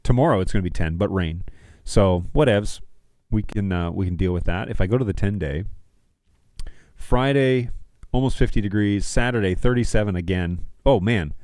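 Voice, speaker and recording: A man in his thirties hosts a casual livestream from a small indoor home studio, talking to viewers in a relaxed, slangy, joking style into a close studio mic on a stand. His voice is fairly low and somewhat dark in tone, at normal speed with no echo.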